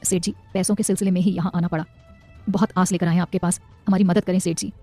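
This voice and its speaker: A woman's voice: lowish voice, flat delivery, quick pace, mellow, faint music behind, natural voice. A woman voicing an old man in debt who begs for help. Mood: pleading. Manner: pleading. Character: older man in debt, desperate and harsh.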